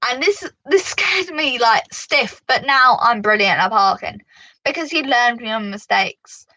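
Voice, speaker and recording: A woman with a British accent telling a driving story to camera in a casual, animated way, full of "like" and "you know.". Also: on the high side, a little slow, no echo, poor audio. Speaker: vlogger giving driving advice.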